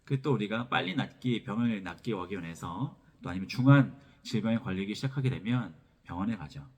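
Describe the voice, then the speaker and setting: Preaching an expository sermon that includes scripture reading, a pastor with a cold-sore throat repeats phrases as he explains. His voice is fairly low, expressive and brisk, with a darkish, slightly rough tone.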